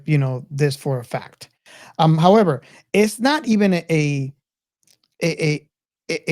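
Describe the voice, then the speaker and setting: This podcast host has a slightly high, somewhat mellow voice, recorded cleanly in the studio with no echo. Chatting loosely about films, he wanders off track, going back over his phrases and starting them again.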